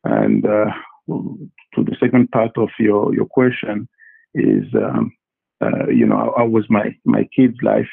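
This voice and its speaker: A man who grew up in Congo answers students' questions in a halting way, full of fillers and repeated words. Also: fairly low pitch, creaky, husky. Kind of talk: casual interview answers. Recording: tinny phone-like line.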